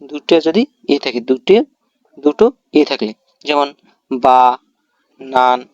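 A male English teacher explains pronunciation rules step by step in a spoken lesson, raising questions and answering them himself. His voice is medium-pitched and slow. The recording is dry and muffled.

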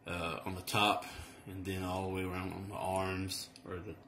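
Low-voiced man rambling through a toy unboxing. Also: moderate pace, a little hiss or hum. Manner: relaxed, rambling, many fillers and restarts. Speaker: toy reviewer. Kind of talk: casual unboxing review.

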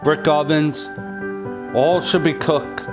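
A man reviewing a kitchen oven in a home kitchen, chatting excitedly with viewers. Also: on the high side, slow, over music. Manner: exuberant, chatty, calls viewers "my friends" and "baby". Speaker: cooking appliance reviewer. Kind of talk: casual cooking review.

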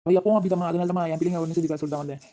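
This is a voice actor playing a sheepish father in a cartoon, speaking. His voice is dark and mellow, and the lines come out quickly. He coaxes and pleads softly rather than commanding. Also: mid-range voice, fairly even intonation, close to an everyday voice. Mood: gentle. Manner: coaxing, pleading. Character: sheepish village father, coaxing and soft-spoken. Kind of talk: cartoon voice acting.

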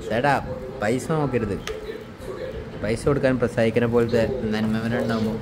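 A man's voice: mid-range voice, steady tone, normal speed, loud music behind the voice. A man with a Malayali accent chatting casually for a food vlog, teasing and mixing English words into his Malayalam. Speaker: vlogger. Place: indoor restaurant. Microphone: handheld phone. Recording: busy restaurant with background chatter.

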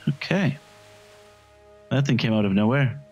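A man's voice: mid-range voice, measured pace, slightly rough, highs cut off, faint music behind. A man hosting a let's-play, giving casual, crude running commentary full of swearing and jokes. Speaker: gaming channel host.

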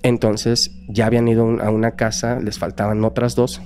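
Low-voiced Mexican man telling a crime case. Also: flat delivery, normal speed, darkish tone, faint music behind. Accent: Mexican Spanish. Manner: earnest, acts out quoted voices in the story. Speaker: podcast guest. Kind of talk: telling a true crime case in casual talk.

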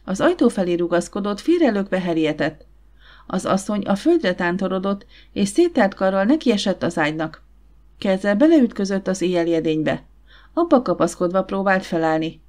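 A woman giving steady, measured audiobook narration. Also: mid-range voice. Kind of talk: scripted narration.

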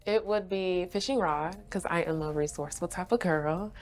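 Young woman from haiti raised in florida, upbeat chatty answers, bit low voice. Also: normal speed, a little mellow. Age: young adult. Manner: bubbly, laughing often. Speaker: guest, brand ambassador. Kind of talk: interview answers. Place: indoor studio set.

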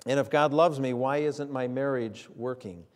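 A man's voice: mid-range voice, normal speed. An older man, preaching a sermon in a folksy storytelling way. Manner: folksy storytelling with many fillers. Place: church sanctuary. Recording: long hall reverb in a church.

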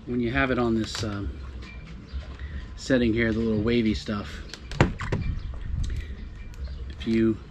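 A man in his fifties who vlogs his do-it-yourself boat work casually explains a hands-on project, thinking aloud tentatively as he works. He speaks at medium pitch from the open-sided cockpit of a boat at a marina, with background noise around him.

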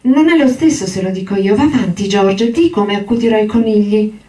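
A woman's voice: mid-range voice, fairly quick, dark tone, far from the mic, voice pushed up, close to an everyday voice. A woman voicing a big, simple-minded grown man with a childlike, eager, pleading way of talking, in a dramatic reading of a novel. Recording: roomy hall, voice from afar.

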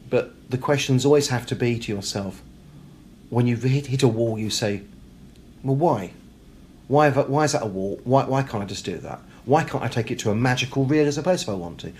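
Interviewed in a hotel, a man from Britain who is an author reflects animatedly, acting out imagined questions and answers with emphasis. His voice is medium-pitched and a little mellow, with room noise in the background.

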